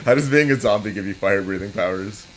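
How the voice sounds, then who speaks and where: A man's voice: fairly low pitch, quick pace, a bit bright. A young man playing a video game and commenting casually in a laid-back, amused way. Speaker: let's play player. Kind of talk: casual gaming banter. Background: video game music.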